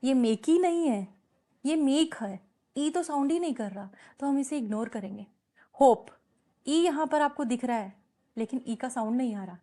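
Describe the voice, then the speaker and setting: This woman's voice is high-pitched and dark in tone, with lively intonation and a moderate pace. Explaining an English lesson in class, she alternates Hindi and English, repeats example words with patience, and checks comprehension through repeated questions.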